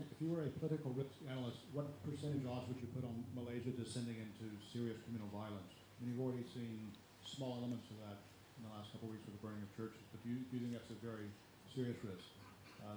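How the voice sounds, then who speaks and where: Fast-talking man asking, echoey. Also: lowish voice, flat delivery. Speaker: audience member asking a question. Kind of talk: audience question. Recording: echoey room, background noise.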